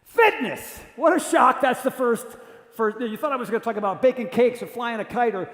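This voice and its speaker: Upbeat high-voiced man in a roomy hall. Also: moderate pace. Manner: energetic, joking, rallies the crowd. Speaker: keynote fitness speaker. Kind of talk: motivational talk to a live audience. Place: large conference hall. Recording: roomy hall with long reverb.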